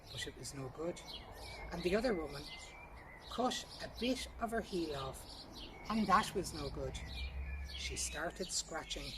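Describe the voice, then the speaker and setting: A woman with an Irish accent tells a traditional folk tale in a plain-spoken, colloquial way, her fairly low voice far from the mic. The recording is noisy, with birdsong and ambient noise behind her.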